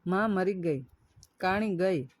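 A woman's voice: on the low side, slow pace, no echo. A woman narrator voicing an ungrateful grown son who speaks to his mother with curt contempt. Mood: contemptuous. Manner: scornful, curt.

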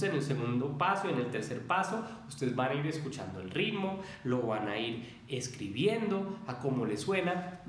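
Teacher type, male, fairly high voice, patient explainer who sings rhythm syllables to make a point. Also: reverberant. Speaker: English teacher. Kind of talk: video lesson on English pronunciation.

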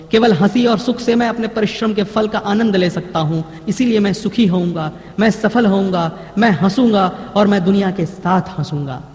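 Male trainer, high voice, emphatic declaiming, recorded with long hall echo. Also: a little mellow. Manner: emphatic, declaiming with repeated slow phrases. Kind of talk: motivational lecture, reading pledges aloud. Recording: echoey hall.

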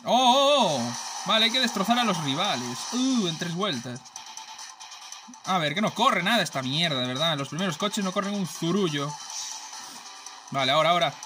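Excitable, foul-mouthed Spanish gamer man. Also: sits high, moderate pace. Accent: Spain Spanish. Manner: excitable, profane, joking trash talk at rivals. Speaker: gaming channel host. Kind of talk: let's play commentary. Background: racing game music and sounds.

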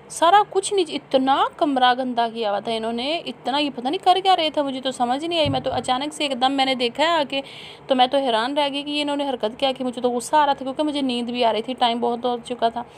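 A woman's voice: high voice, slight background noise. A woman in her thirties from Pakistan, a mother narrating a family vlog in a chatty voice-over, amused and teasing, often breaking into laughter.

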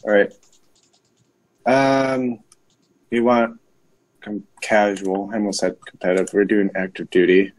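A man's voice: lowish voice, little pitch movement, a little slow, pauses often, low-quality recording. A man chatting casually with a friend while playing a game, joking, teasing and restarting his sentences. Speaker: gamer recording his session. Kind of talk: casual gaming chat. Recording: game music playing behind.

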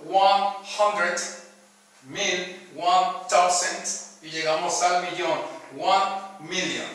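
A man giving an English lesson, upbeat, drilling each word slowly and deliberately. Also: sits high, pushed and bright. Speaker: English teacher. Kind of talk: spoken language lesson. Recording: very echoey room, mic far off.

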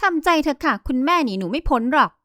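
A woman's voice: high voice, animated, fast talker, bright, forceful tone, dry recording, pitched above the performer's own voice. Woman voices a bold young heroine who snaps back, cutting and defiant, dry close mic.

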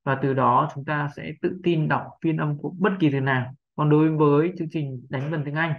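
A man explains a pronunciation lesson step by step, patient and checking in with his listeners. His voice sits a little high for a man. The recording is dull and lo-fi. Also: steady tone, moderate pace. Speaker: English pronunciation teacher. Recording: dull lo-fi sound.

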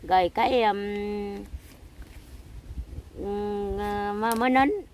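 An older woman with a Mekong Delta accent, recounting a family hospital story in a halting way, with many fillers. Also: medium pitch, fairly even intonation, darkish tone, slight background noise. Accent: Mekong Delta Vietnamese. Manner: halting, many fillers, quotes others in her own voice. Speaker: interviewee. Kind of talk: emotional recounting.

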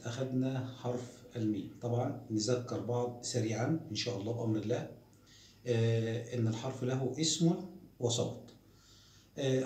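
A man, teaching the alphabet to first graders in a slow, repetitive drilling style. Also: mid-range voice, mellow, a little hiss or hum. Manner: slow, drawn-out syllables and repeated drills. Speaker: primary school teacher. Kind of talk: recorded classroom lesson for young children. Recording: echoey room, voice off-mic.

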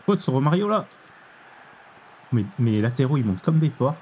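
A young man commenting on his own football video game match, excitable, exclaiming and groaning at each play. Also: mid-range voice, fairly quick, a little hiss or hum. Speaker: gaming YouTuber. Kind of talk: live gameplay commentary.

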